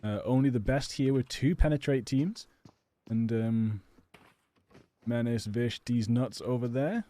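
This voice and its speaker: A British man from England, medium-pitched with a dark tone and measured pace, casts esports games live. His commentary is casual, rambling and chatty, with a touch of hesitancy, and he records from a home or personal studio.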